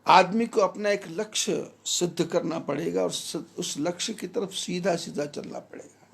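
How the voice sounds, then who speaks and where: Male spiritual teacher, emphatic measured preaching, gravelly edge to the voice. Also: high voice. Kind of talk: devotional discourse.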